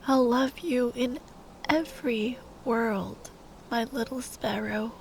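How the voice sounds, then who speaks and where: This intimate ASMR roleplay features a woman as a young sorceress at a bedside, grieving and tender, her fairly high, gravelly voice hushed and hesitant and often sinking into whispers. The mood is one of tender resolve. It's a rough recording with slight background noise.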